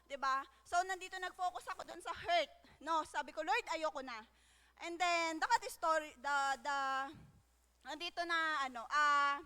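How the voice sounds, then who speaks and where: Giving testimony at her church, a young woman speaks in a bright, very high voice. Her delivery is halting, padded with fillers and check-in tag questions, and each phrase trails away into a big hall's lingering echo.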